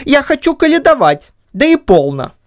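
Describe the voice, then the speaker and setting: A woman's voice: high-pitched, big pitch swings, moderate pace, pitched above the performer's own voice. Woman doing a whiny grumbling old Cossack. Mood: wheedling. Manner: whiny, indignant, muttering to himself. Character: grumbling stubborn older Cossack man. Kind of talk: audiobook reading of a classic story.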